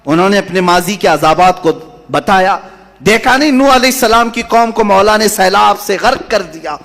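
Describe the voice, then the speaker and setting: A man's voice: high-pitched, lively intonation, vocal fry, a bit bright. A man preaching an impassioned sermon, emphatic and full of rhetorical questions, recorded in a hall with a long reverb. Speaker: Islamic preacher.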